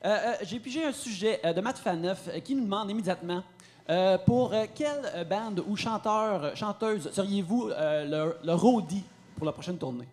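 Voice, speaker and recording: Man, high-pitched, hesitant friendly podcast co-host. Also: moderate pace, a little mellow. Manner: hesitant, many fillers, friendly. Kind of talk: casual chat on a live podcast.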